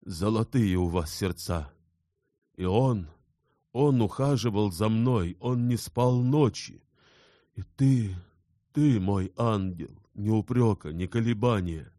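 A man's voice: sits low, unhurried, mellow, no echo, studio quality. A man voicing an ardent young man weak from illness, passionate and exclaiming in an audiobook.

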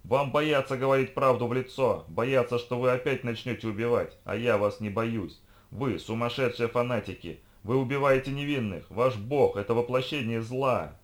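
A man reading an audiobook, voicing a wounded, defiant young woman fighter who is hoarse and out of breath. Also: lowish voice, brisk, natural voice. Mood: screaming defiance. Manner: shouting defiantly.

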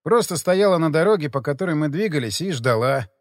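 A man's voice: fairly high pitch, expressive, brisk, no echo. A man voicing a tired, wry young man who sighs through his words, in a dry close recording. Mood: weary, wry. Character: weary, lovesick, hungover young man.

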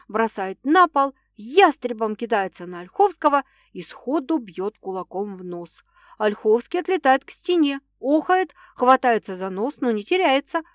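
A woman reading a first-person audiobook in an expressive, dramatic way. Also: a little high, dry recording, clean studio sound. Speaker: audiobook narrator.

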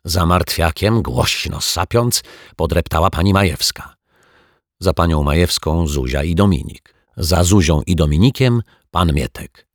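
A man narrating a children's audiobook in a playful storytelling manner, dropping to soft tones for suspense. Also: low voice, animated, a little slow, dry recording, studio quality.

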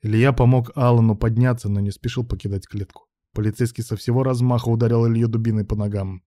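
Man narrating a story, dark dry voice. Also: mid-range voice, fairly even intonation, fast, no room sound. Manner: dramatic reading, shouting quoted lines. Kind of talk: audiobook narration.

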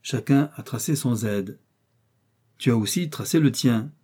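A menacing master criminal, cold and gloating, delivering slow, measured pronouncements in an audiobook, as a male narrator puts him on. The voice is dark and a little husky. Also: medium pitch.

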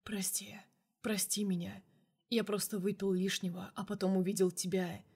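A woman voicing a gruff, tipsy male boss who barks curt orders and then turns soft and hushed, read in an audiobook. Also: medium pitch, level tone, a little fast. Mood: hushed remorse. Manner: curt, growling, drops to a hushed whisper. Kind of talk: audiobook character voice.

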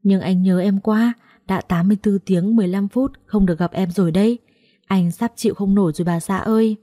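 A lovesick young man from an audiobook story, wheedling and whining for his bride-to-be, read by a woman. The tone is warm and soft, with a middling pitch. He pleads and sulks like a clingy child. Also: steady tone, fairly quick, no room sound, studio quality, lightly acted. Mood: pleading.

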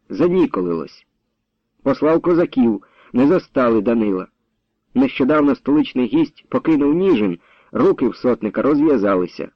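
A man narrates a story with dramatic, expressive delivery, his voice rising and falling a great deal. The recording is lo-fi and muffled, with a close, dry sound and no room echo. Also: medium pitch. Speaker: audiobook narrator. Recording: dull lo-fi dry audiobook recording.

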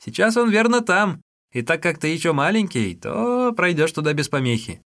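An eager street gossip spilling a scandal, as a male narrator plays him. His voice is pitched up and lively, rising and falling as he talks. It comes from an audiobook reading. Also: normal speed.

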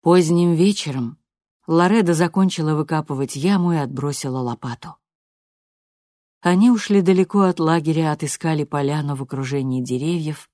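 A woman with a low voice reads a novel aloud in measured, expressive scripted narration. The sound is dry and close, with no room behind it. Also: no echo. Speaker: audiobook narrator.

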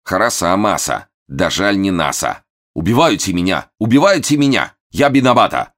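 A man voicing a bowing male servant who speaks in broken, halting phrases in an audiobook. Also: sits low, sing-song, a bit bright, voice pushed up, full character voice. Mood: flustered. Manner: muttering, broken grammar, apologetic.

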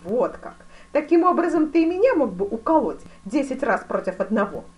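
A woman voicing an imperious, hot-tempered grand duke in an audiobook, speaking in loud, commanding bursts. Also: high-pitched, a little fast, pitched above the performer's own voice. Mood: demanding. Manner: loud, commanding, excitable shouts. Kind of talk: audiobook character reading.

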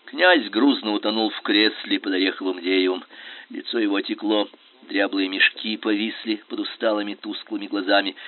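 A man reading a historical novel aloud with dramatic, expressive narration, over a tinny, phone-like radio line. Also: lowish voice. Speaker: audiobook narrator.

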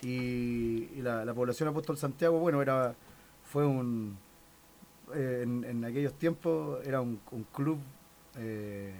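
A Chilean folk singer in his thirties talks in a casual interview, hesitant and full of fillers and restarts. His medium-pitched voice is unhurried and a little mellow, with slight background noise.

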